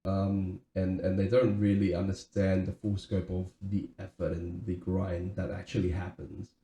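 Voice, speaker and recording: A man's voice: deep voice, monotone, normal speed, mellow, roomy sound, slight background noise. A man co-hosting a casual podcast chat, talking earnestly with many restarts and "right?" tags. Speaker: podcast co-host.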